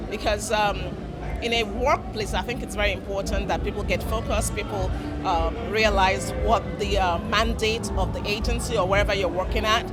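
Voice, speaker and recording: A man answering interview questions in halting, hesitant phrases. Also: sits high. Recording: loud music behind interview.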